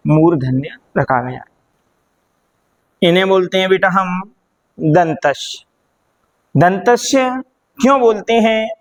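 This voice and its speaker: A man's voice: sits high, animated, normal speed, long pauses. A man teaching Hindi grammar, sounding out letters one by one and asking questions he then answers himself, addressing students as children. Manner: drills sounds aloud, asks and answers own questions, calls listeners "beta". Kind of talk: classroom lesson.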